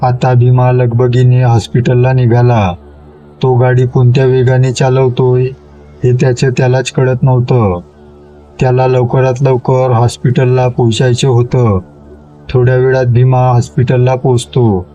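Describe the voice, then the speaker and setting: A man narrating a horror story in a steady, measured way. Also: mid-range voice, dull audio, soft background music.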